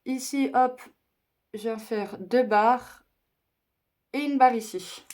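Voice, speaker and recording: A woman's voice: fairly high pitch, slow pace, a little mellow. A young woman chatting her way through a makeup tutorial, explaining each step and joking at her own expense. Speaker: beauty vlogger.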